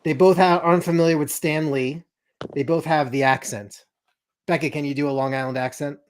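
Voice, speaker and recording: A man hosting a casual family podcast at home, playful and quick with asides. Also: on the high side, steady tone, slight background noise. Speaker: podcast host.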